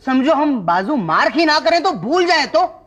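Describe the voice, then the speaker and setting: An actress playing a breezy, chatty office clerk in a sitcom. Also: female voice, high voice, big pitch swings, normal speed, very noisy. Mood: curious. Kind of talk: sitcom acting.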